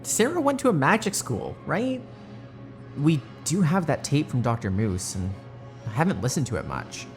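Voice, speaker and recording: A weary doctor at a secret research site played by a woman in an audio drama. The speech is casual, muttering and halting, with animated pitch movement. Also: faint music behind. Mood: musing.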